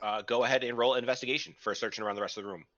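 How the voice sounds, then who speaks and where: Bright-voiced game master, muffled audio. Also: male voice, mid-range voice, fairly even intonation, very fast. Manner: hesitant narration with many ums and restarts. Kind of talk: narrating a tabletop game online.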